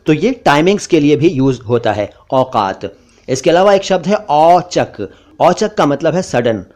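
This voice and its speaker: Slow, deliberate male language teacher. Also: mid-range voice, a little mellow. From India. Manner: slow, deliberate, repeats words carefully. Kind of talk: pronunciation lesson narration.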